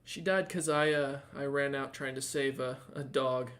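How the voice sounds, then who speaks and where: A man's voice: mid-range voice, moderate pace, a bit bright, lightly acted. A man voicing an earnest young boy who is hopeful and grieving. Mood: tearful. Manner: earnest, pleading.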